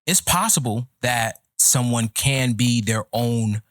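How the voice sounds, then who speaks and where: Brief: man, 30s, podcast host, mid pitch, dry close sound, opinionated and lecturing. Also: a bit bright, no room sound. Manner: opinionated, lecturing, slow deliberate delivery. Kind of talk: casual podcast chat.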